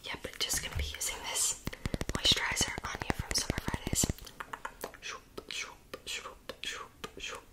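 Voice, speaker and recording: A young woman in a whispered role-play as a sassy, condescending mean girl, talking close up in a fast, chaotic way and repeating words in rapid strings. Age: young adult. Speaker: ASMR performer. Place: small room indoors.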